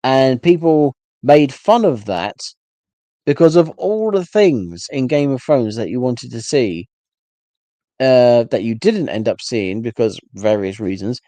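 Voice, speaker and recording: Rambling man, dark dry voice. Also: mid-range voice, animated, measured pace, dry recording. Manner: rambling, stumbles and restarts, exasperated. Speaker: solo livestream host. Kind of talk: casual rant.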